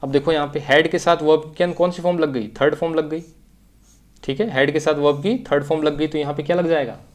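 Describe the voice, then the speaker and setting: A man's voice: fairly high pitch, fairly even intonation, brisk. Man teaching grammar, repeating himself. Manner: explains step by step, repeats key phrases. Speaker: English teacher. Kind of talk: exam-prep grammar lesson.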